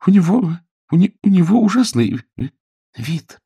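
Storybook young woman, anxious and pleading, played by a male narrator in a thin high falsetto. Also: very animated, moderate pace, gravelly, warm tone, breathy edge, full character voice. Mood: nervous.

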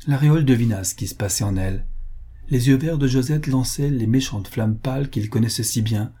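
A man narrating a literary audiobook in a measured, expressive reading. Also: medium pitch, husky.

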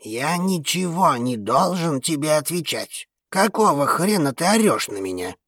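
A woman putting on a husky, gruff old man. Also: low-pitched, very animated, a little slow, fairly bright tone, no room sound, studio quality, voice pushed down, heavily acted. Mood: surly. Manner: surly, blunt and dismissive. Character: gruff cynical old male space trader.

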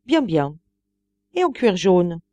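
A woman voicing an elderly gentleman who is fussy, obsessive and wheedling, speaking in a coaxing, repetitive way. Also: lowish voice, very animated, takes it slowly. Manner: coaxing, repetitive, rising to pleading.

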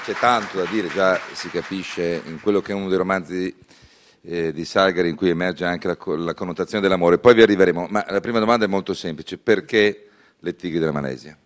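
A man's voice: low voice, fairly quick. A man interviewing a guest on the radio, speaking conversationally with hesitant fillers.

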